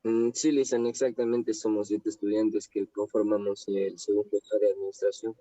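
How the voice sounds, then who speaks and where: A man's voice: on the low side, little pitch movement, normal speed, warm tone. A male student politely and hesitantly asking his lecturer a question during an online class. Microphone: video call. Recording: dull video-call audio.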